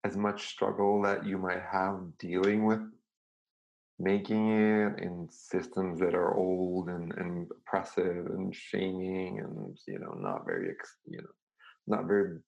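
A man, his voice gravelly and a little low. He talks in a thoughtful, searching way, often restarting his sentences as he reflects on his life in music. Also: a little slow, a little mellow, highs cut off. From Serbia. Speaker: guest musician. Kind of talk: reflective casual conversation.

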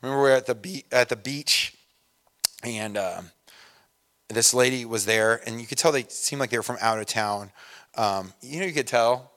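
A man preaching a sermon in a conversational way, full of asides and fillers, moving between loud emphasis and quiet storytelling. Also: mid-range voice, moderate pace. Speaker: pastor.

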